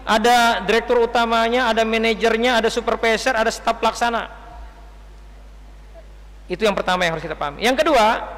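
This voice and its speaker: A man delivers a religious lecture to a crowd of women in a loose, conversational way. He jokes and keeps asking his listeners questions. His voice sits high, and a long reverb trails behind it in the hall. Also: a bit bright. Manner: chatty, joking, quizzing the audience. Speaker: Islamic preacher.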